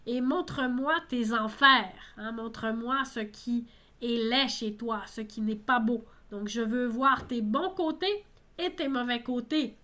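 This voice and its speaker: Higher-voiced woman explaining lyrics. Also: a little slow, bright, forceful tone. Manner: explanatory, frequent tag "hein". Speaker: French teacher. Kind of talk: song lesson explaining lyrics.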